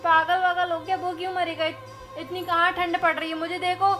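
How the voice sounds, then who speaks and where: Home skit: careless young mother who scolds her kids, played by a woman; high-pitched, shrill when yelling. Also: little pitch movement, normal speed, over music. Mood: scolding. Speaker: actress in a family skit. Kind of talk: home-made family drama acting.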